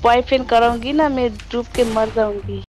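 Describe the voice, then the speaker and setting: A woman's voice: on the high side, brisk, music in the background. A woman in casual game voice chat, taunting another player and calling him a noob again and again. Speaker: random player in the match.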